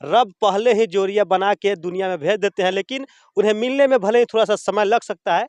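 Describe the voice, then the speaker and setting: A man's voice: high voice, a little fast, a little mellow, no echo. A man from Bihar interviewing a couple on location for a news channel, chatty and prompting with short fillers.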